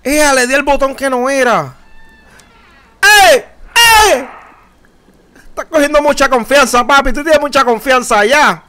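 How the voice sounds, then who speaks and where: Un hombre joven de acento puertorriqueño narra su partida de terror con un tono brillante y muy agudo. Habla a saltos nerviosos, repitiendo palabras entre gritos y groserías. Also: male voice, very high voice, clean tone. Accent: Puerto Rican. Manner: jumpy, yelling and swearing, quick repeated outbursts. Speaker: gamer. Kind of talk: live horror game commentary.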